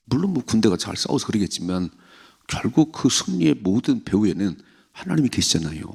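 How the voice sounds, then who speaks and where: A man's voice: fairly low pitch, vocal fry, breathy edge. A man preaching a sermon at an early morning church prayer service, talking conversationally and putting questions to the congregation. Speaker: pastor.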